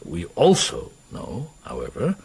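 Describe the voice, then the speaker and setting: An actor playing a patient, perceptive police inspector in a radio drama, hesitant, avuncular and probing. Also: male voice, low-pitched, huge pitch swings, measured pace, gravelly, darkish tone, husky, full character voice, poor audio. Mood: measured, deliberate.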